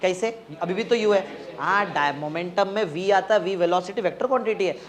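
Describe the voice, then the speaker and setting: A man's voice: sits high, normal speed. A male physics tutor, teaching a live class in a coaching classroom, quizzing students and repeating phrases to drive points home.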